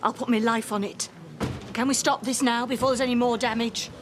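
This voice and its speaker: Woman, raised lively pitch, exasperated pleading peacemaker played by an actress, clear background noise. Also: brisk, natural voice.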